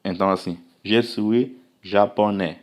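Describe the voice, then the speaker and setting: Casual tutor: an African man, lowish voice, teaching at a slow and patient pace, repeating each example. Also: steady tone. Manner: patient, repetitive, checks understanding with "tá vendo?"; slowly drawn-out example phrases. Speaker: language teacher. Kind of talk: casual spoken language lesson.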